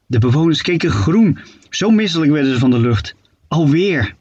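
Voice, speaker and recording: A man narrating a children's story with playful, expressive delivery. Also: fairly high pitch, normal speed, slightly rough, no room sound, muffled recording.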